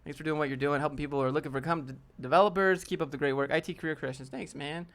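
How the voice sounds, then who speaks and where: A man's voice: a little high, fairly even intonation, rapid-fire, fairly bright tone. Youthful-sounding man hosting a casual live stream. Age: 20s. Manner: laid-back, joking, reads viewer questions aloud.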